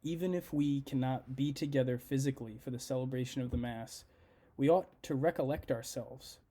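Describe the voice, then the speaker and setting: Earnest man with a soft, mellow voice. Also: medium pitch, fairly quick. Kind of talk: prepared devotional message.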